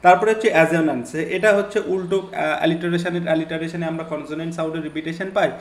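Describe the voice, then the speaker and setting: A man's voice: on the high side, steady tone, fast talker. A man patiently explaining an English lesson, repeating his points with many fillers. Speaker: English exam tutor. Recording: echoey room, faint hiss.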